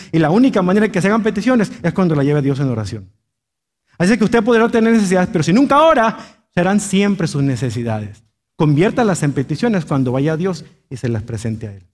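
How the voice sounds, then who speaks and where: A man's voice: sits high, a little mellow. A male pastor preaching a sermon, emphatic, with rhetorical questions and repeated exhortations.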